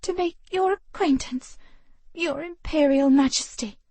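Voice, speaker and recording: A woman voicing a breathless young woman who is pinned down and defiant, rasping out her words. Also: sits high, measured pace, dark tone, no echo, pitched above the performer's own voice. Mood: mocking. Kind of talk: audiobook dialogue.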